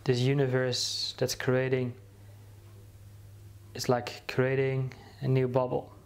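Speaking in a slow, calming monotone that barely shifts in pitch, a man guides listeners through meditation. Frequent pauses and restarted phrases mark his delivery, with a faint hiss beneath the recording.

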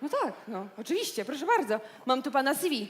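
A woman in a stage comedy sketch, playing the boss's daughter who briskly hands out orders. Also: sits high, big pitch swings.

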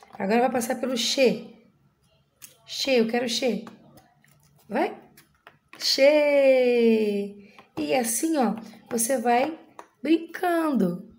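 A woman teacher, leading a video lesson for young children in a sing-song, coaxing way. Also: fairly high pitch. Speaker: inclusion teacher of first graders.

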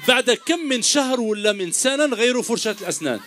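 Lively high-voiced Algerian man quizzing kids. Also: quick pace, some chatter behind, a little hiss or hum. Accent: Algerian Arabic. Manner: teasing, jokey, calls kids "my dears". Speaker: children's entertainer host. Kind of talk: playful quiz with children on stage. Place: outdoor stage before a large crowd of children. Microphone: handheld microphone.

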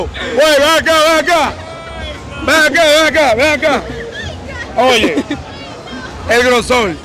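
A man conducting a pushy, teasing street interview outdoors at night. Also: very high-pitched. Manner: pushy and teasing, bossy prompts. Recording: loud music and crowd noise.

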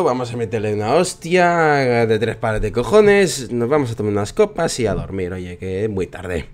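A young man with a Spain Spanish accent and a fairly low voice hosts a let's play. His casual commentary is joking, sarcastic, and full of swearing.

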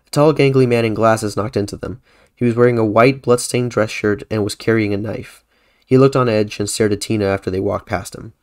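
A man's voice: lowish voice, clear, resonant tone. A man hosting a podcast who reads his own horror story aloud in a casual way, often correcting himself. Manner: casual, self-correcting reading. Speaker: podcast host.

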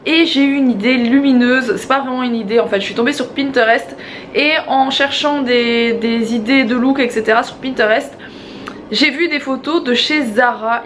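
A woman's voice: on the high side, a bit bright, slight background noise. A woman in her twenties with a slight lisp and slushy sibilants, chatting casually to a handheld camera as a vlogger at home. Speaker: family vlogger. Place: small room at home. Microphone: camera held at arm's length.

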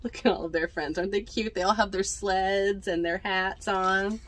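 This storytime reader at the library, a woman in her twenties, brings a picture book to life for the kids, talking directly to them and adding chatty comments along the way. Her mid-range voice moves at a moderate pace, and she's indoors among the shelves.

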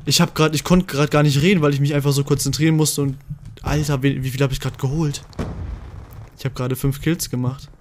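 A young man giving live gameplay commentary as a gaming video host, excitable and swinging from mutters to shouts. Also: fairly high pitch, a little fast, a little hiss or hum.

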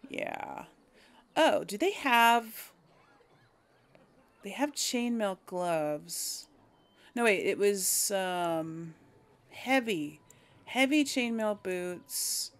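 A woman hosts a let's play, musing aloud with hesitant deliberation in casual gameplay commentary. Her voice sits on the low side and is creaky.

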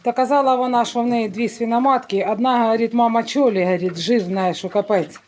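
A woman's voice: on the high side, fairly even intonation, fast, a little mellow. Chatty village woman filming her garden. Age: middle-aged. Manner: chatty, homely, shows things to camera. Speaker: family vlogger. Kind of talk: casual vlog narration.

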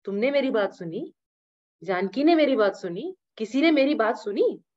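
Brief: woman playing a calm, loving male deity in a storytelling lesson; muffled audio. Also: on the high side, normal speed, close to an everyday voice. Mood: gently chiding. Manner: mild, gently chiding. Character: gentle affectionate male prince-god, calm.

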